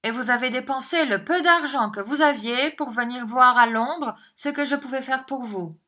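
A woman's voice: sits high, moderate pace, pushed and bright, voice pushed up. A woman voicing a stern, scornful old miser uncle who talks in a curt, impatient way, in an audiobook reading.

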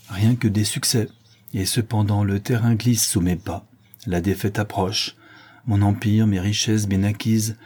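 A man reading the part of a commanding, ironic gentleman thief in an audiobook, grave and mocking. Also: on the low side, breathy edge.

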